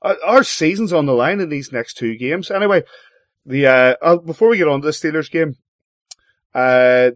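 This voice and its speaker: A man hosting a hockey talk show, animated and swooping up in pitch on his points. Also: no room sound, studio quality. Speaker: host. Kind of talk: casual sports chat.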